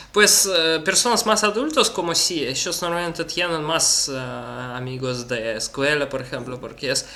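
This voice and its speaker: A man from Russia, a Russian native speaker learning the language, speaking haltingly as host and searching for words. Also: mid-range voice, bright, forceful tone. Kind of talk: casual conversation.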